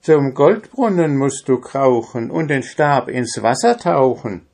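A man's voice: mid-range voice, animated, slow pace, vocal fry, darkish tone, pitched above the performer's own voice, full character voice. A man voicing two cheerful ducklings who speak in sing-song rhymes in a storybook reading.

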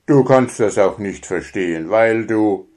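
A man's voice: lowish voice, a little slow, darkish tone, close to an everyday voice. A man voicing a grumbling, evasive male mole father in a children's storybook. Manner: grumbling, sulky.

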